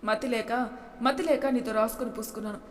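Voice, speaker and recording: A woman's voice: a little high, steady tone, fairly quick, lightly acted. A woman voicing a fiery, hurt young wife who scolds and defies her husband in a storybook reading. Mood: angry. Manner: scolding, defiant. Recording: long hall reverb.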